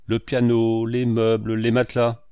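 A man's voice: medium pitch, lively intonation, moderate pace, darkish tone, no echo, lo-fi sound, close to an everyday voice. A man reading the part of an impassioned painter who speaks earnestly and with emphasis. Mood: dejected. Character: proud, impassioned male painter, hurt and pleading.

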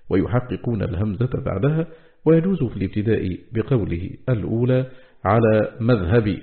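A man reading a classical scholarly text aloud in a steady, measured way, slowing down on quoted words. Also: mid-range voice. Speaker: audiobook reader. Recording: tinny phone-like audio.

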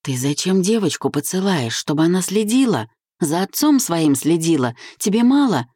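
A woman's voice: on the low side, very animated, moderate pace, husky, dry recording, clean studio sound, voice pushed up. A woman voicing a furious husband hurling accusations at his wife, in an audiobook. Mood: angry. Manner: shouting accusations.

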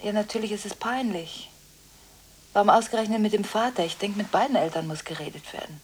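In a radio drama, an actress plays a volatile, contradictory school headmistress who talks restlessly on the phone, breaking off and repeating herself. Her mid-range voice is brisk and darkish, lightly acted, with a defensive, unsettled mood.

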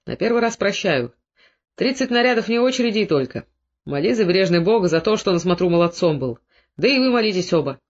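A man voicing a shrewd older army colonel who speaks calmly and commandingly with a dry mocking edge. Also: sits high, fast, muffled recording. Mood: scolding. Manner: calm, commanding, mildly mocking.

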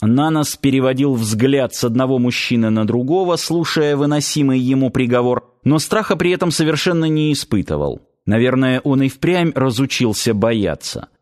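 A man reading the narration of a novel as an audiobook, steady and measured. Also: mid-range voice. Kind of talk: scripted narration.

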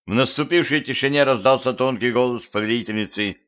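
A man's voice: medium pitch, a little fast, clear, resonant tone, dull audio. A man narrating a humorous first-person audiobook in a wry, dry manner, recorded at home. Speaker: audiobook reader. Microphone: home microphone.

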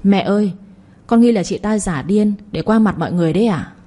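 A woman's voice: mid-range voice, fairly quick, mellow, slightly rough, close to an everyday voice. A woman voicing a sly, spiteful daughter-in-law. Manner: stammering, insinuating.

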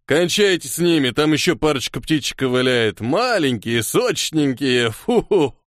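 A man's voice: fairly high pitch, lively intonation, normal speed, dry recording, clean studio sound, natural voice. A man voicing a brutal, grinning male bandit leader in an audiobook, mocking and gloating.

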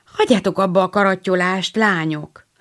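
A woman voicing a lively, tomboyish teenage girl writer in a storybook reading, brisk and eager. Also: lowish voice, lightly acted.

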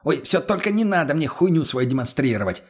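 A man's voice: fairly high pitch, very animated, a little fast, slightly rough, voice pushed up. A man reading an audiobook, voicing a cocky, crude male junkie who sneers and swears. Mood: mouthy. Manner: sneering, foul-mouthed.

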